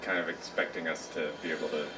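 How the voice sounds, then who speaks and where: A man voicing a wary adventuring woman companion in a tabletop game, speaking in halting, hesitant bits. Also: very deep voice, flat delivery, pitched below the performer's own voice. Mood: pondering. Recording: echoey room, distant mic, background noise.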